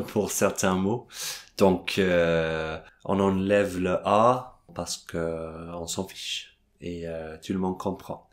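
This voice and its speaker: An Englishman speaking French as a second language, teaching English phrases in a hesitant way, with many fillers and restarts. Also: low voice. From England. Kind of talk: video language lesson.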